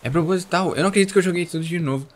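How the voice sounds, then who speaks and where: A young Brazilian man streaming a video game, excitable and self-mocking, groaning at his own failures. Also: high voice, rapid-fire, slight background noise. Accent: Brazilian Portuguese. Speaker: gaming streamer. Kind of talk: live gameplay commentary. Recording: game music in the background.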